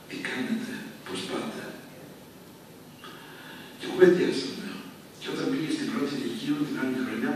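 An older man giving a church lecture, telling a story in a lively way and acting out the dialogue. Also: medium pitch. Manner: lively anecdote with acted-out dialogue. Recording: echoey hall, far from mic, background noise.

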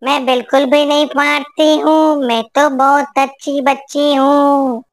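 A woman voicing a little girl who has been scolded by her mother, talking in a slow, pleading, whiny way. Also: sits high, flat delivery. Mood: tearful pleading.

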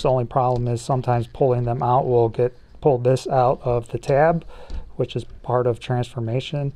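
A man doing a relaxed, joking toy review, talking through each detail as he handles the figure at a table in a small studio. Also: medium pitch. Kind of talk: casual toy review chat.

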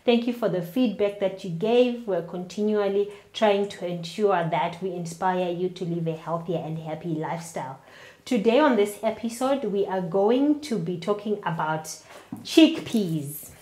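A woman's voice: medium pitch, reverberant. A woman in her thirties hosting a cooking show, giving step-by-step recipe instructions from her home kitchen. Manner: slow, steady instructional delivery. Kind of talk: cooking demonstration to camera.

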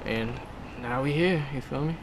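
A young man talking calmly and reflectively about his younger brother, in casual slang. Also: mid-range voice, moderate pace, heavy background noise. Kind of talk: casual interview talk. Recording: music behind the voice.

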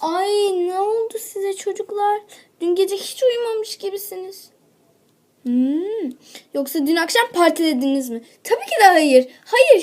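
A woman's voice: very high voice, voice pushed up. A woman voicing a bossy, fussy female pony schoolteacher who nags her pupils in a toy role-play. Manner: nagging, hurrying the pupils along.

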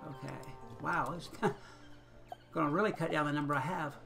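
A man's voice: a little high, steady tone, moderate pace, creaky, music in the background. A man giving casual, chatty commentary on his own gameplay, thinking aloud and chuckling often as he plays. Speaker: gaming channel host.

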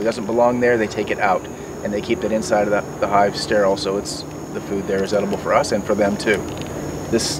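A middle-aged man in a garden, explaining beekeeping tools step by step with many fillers and restarts. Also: fairly low pitch. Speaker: beekeeping mentor. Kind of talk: outdoor demonstration. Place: outdoors by garden foliage. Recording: distant mic, outdoor noise.

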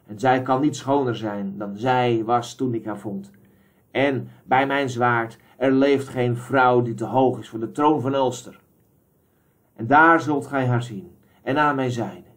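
A man voicing a proud, wrathful king who speaks in a loud, slow, declamatory way. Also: medium pitch, natural voice. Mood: commanding.

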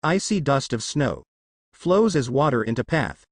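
Odd inner voice reciting haikus as a man reads it, clipped, husky. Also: mid-range voice, sing-song, unhurried, no room sound, studio quality.

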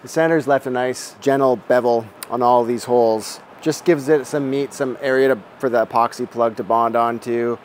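A man in his forties calmly explaining each step of a repair job while he works in a boat shed. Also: mid-range voice, moderate pace, few pauses, a little hiss or hum. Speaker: boat restorer. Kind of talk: how-to narration while working. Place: boat shed with timber frame, indoors.

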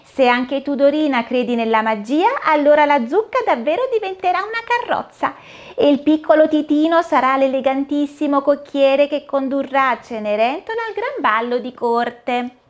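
A woman's voice: high voice, normal speed, lo-fi sound, pitched above the performer's own voice, lightly acted. A woman voicing a bustling, cheerful fairy godmother who urges everyone on in a sing-song voice. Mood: bubbly, urgent. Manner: sing-song, urging and exclaiming.

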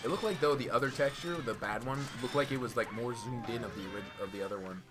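A man's voice: medium pitch, quick pace, noisy background. A young man co-hosting a let's play, chatting casually and swearing often, with rambling asides. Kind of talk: casual gaming commentary. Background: game music.

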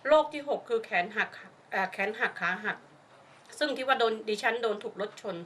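Older woman, high-pitched, animated testimonial storyteller, recorded from a distance. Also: fairly quick. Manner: lively storyteller who acts out the voices of people in her story. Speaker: customer giving a testimonial. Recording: distant mic with faint background noise.

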